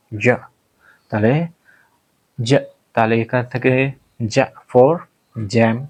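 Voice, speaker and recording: A man with a Bengali accent teaching phonics, who says each sound slowly and repeats it several times. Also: medium pitch, rough recording. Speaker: English pronunciation teacher. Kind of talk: slow phonics lesson.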